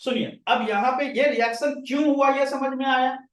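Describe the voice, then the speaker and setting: A man's voice: very high voice, fairly even intonation, normal speed. A man with an Indian accent teaching a science class, questioning students and calling on them by name. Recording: roomy classroom audio from a distance.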